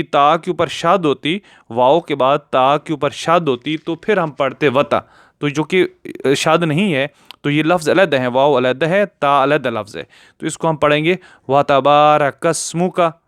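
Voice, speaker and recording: A man giving a patient video lesson on correct prayer recitation, slowing down to draw out each Arabic word. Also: on the high side, a bit bright, clean tone, no echo, clean studio sound. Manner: patient, explanatory, slows down to draw out Arabic words. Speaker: religious teacher.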